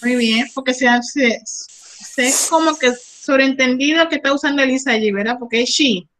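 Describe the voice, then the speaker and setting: A woman's voice: high-pitched, moderate pace, a bit bright, low-quality recording. A woman English teacher with a Panamanian Spanish accent, coaching students in an online class, encouraging and praising, switching between Spanish and English.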